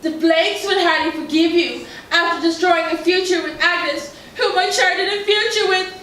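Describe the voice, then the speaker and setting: Woman acting a very high, impassioned condemned son. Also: normal speed, a bit bright. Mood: bitter, pleading. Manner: impassioned, declamatory, pleading. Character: passionate condemned son, a young man about to marry. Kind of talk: historical stage play acting. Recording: echoey hall, distant mic, faint noise.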